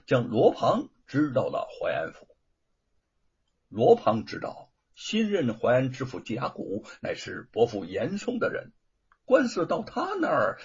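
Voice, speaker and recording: A man's voice: mid-range voice, slightly rough, muffled recording. A man telling a historical tale in a dramatic, theatrical storytelling style. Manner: animated, theatrical delivery.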